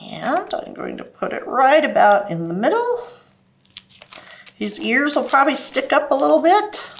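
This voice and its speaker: A woman's voice: high voice, very animated, unhurried, vocal fry, a little hiss or hum. A woman hosting a children's library program, explaining stories and crafts to kids in simple step-by-step terms. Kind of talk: children's craft lesson and storytime talk.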